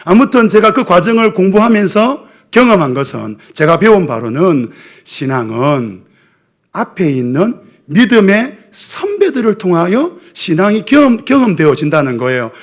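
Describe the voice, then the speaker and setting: A man's voice: high voice, big pitch swings, normal speed. A middle-aged man, preaching a sermon as pastor, asking the congregation questions with wry, self-mocking humor.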